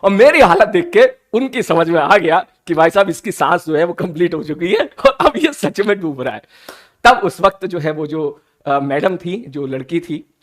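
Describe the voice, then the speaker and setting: A male teacher, telling his students a story in an animated, teasing way and slipping English phrases into his talk. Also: high voice.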